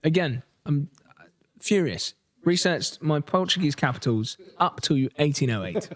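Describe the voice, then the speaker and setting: A man's voice: fairly high pitch, animated, a little slow, no room sound. A man co-hosting an online quiz, firing off dry, sarcastic quips. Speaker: quiz co-host. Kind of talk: casual banter.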